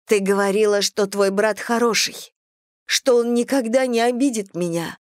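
A woman reads the part of a tearful, defiant young princess, sounding tearful and accusing. Her mid-range voice moves at a normal speed, pitched above her own voice and lightly acted, in clean studio sound with no room echo.

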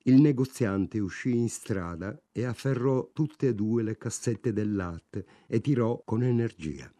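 A man reads a novel aloud in a low, dark voice, measured and restrained. The recording is dry and close, with no room sound. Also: lively intonation, no room sound. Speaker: audiobook reader. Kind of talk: literary audiobook narration.

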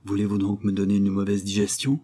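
A man's voice: on the low side, completely flat delivery, fast talker, dark tone, close to an everyday voice. A man voicing an irate, self-centered aristocratic father in an audiobook, blustering and indignant.

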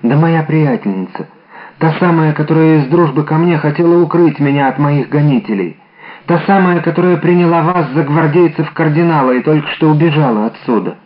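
A man voicing a frail, devoted young woman, soft and pleading, in an audiobook. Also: fairly high pitch, brisk, lightly acted. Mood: anxious. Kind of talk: audiobook character reading. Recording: dull lo-fi audiobook recording.

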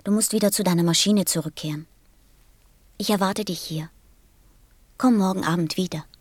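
A woman in an audio drama playing a gentle, serious little boy prince from another planet. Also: on the low side, normal speed, no echo, natural voice. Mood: quietly serious.

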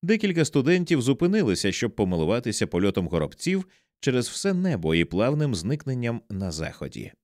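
A man reading a horror novel aloud as an audiobook narrator, with measured, dramatic storytelling. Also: wildly swooping pitch, darkish tone, dry recording, clean studio sound. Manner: measured, dramatic storytelling with wide swings in pitch.

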